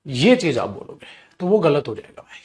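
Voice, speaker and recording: Indian male teacher, higher-pitched voice, talkative and playfully teasing with the class. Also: very animated, moderate pace, darkish tone. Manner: chatty and teasing, calls students beta. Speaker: English teacher. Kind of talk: live online class in Hindi.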